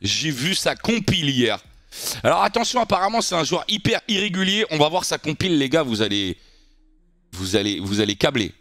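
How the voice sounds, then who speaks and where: A man's voice: a little high, a little fast, no room sound. A young man streaming live and reacting to football news, chatting animatedly and constantly turning to his viewers. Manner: animated, keeps addressing his viewers as guys. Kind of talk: casual live-stream chat.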